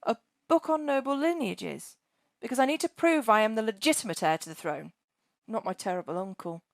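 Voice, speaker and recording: A woman's voice: expressive, a little fast, gravelly, dry recording. A woman doing a scared scrawny boy. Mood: nervous. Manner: high, earnest, nervous. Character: scrawny, frightened young boy, a lost heir. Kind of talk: storybook reading.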